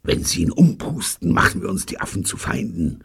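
A man reading aloud, voicing a gentle, sensible adult man who speaks formally and persuasively. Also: low voice, wildly swooping pitch, a little fast, gravelly, husky, pitched above the performer's own voice, heavily acted.

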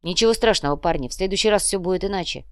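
A woman's voice: lowish voice, racing, no echo, studio quality, close to an everyday voice. A woman voicing a grim male warlord who speaks firmly and with assurance. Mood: commanding. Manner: firm, assured.

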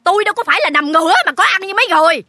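A shrill scolding loan-shark woman. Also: animated, quick pace, no echo. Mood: scornful. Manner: sharp-tongued, mocking, yelling. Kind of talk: audiobook story reading.

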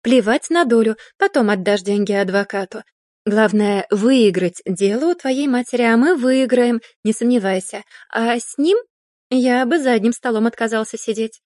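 A woman's voice: fairly high pitch, normal speed, a little mellow, no echo, studio quality, natural voice. A woman reading the part of a hot-tempered young boxer who talks down to the heroine in an audiobook. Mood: insistent. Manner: pushy, condescending.

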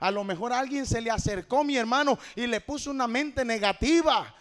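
A man pastor preaching a sermon, moving from quiet talk to shouted fervor and often calling the listener "mi hermano". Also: extremely high pitch, normal speed. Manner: peppers lines with "mi hermano". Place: church hall. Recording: long hall reverb.

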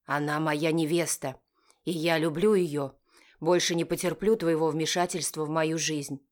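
A woman's voice: steady tone, moderate pace, close to an everyday voice. A woman voicing a confident, protective young man who speaks dryly and firmly. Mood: cold, firm. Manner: dry, firm, low-voiced.

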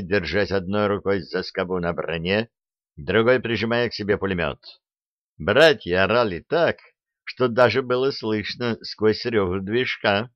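A man reading a first-person audiobook as narrator, telling it in a lively, expressive way. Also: lowish voice, dry recording, muffled recording.

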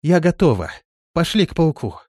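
A man's voice: mid-range voice, big pitch swings, normal speed, dark tone, no room sound, studio quality. A man reading an audiobook, voicing a frightened, wily woman just pulled from a well, in a raised, strained voice. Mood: wary. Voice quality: hoarse when rescued. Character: frightened, wily dark-skinned woman, soaked and exhausted. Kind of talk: audiobook character voice.

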